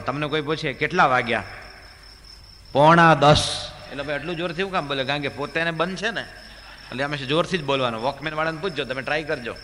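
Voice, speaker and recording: A man's voice: on the high side, pushed and bright, long reverb tail, a little hiss or hum. A man, a monk, telling humorous stories to an audience in a chatty way and often asking them questions. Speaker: monk giving a talk. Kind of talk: humorous religious storytelling.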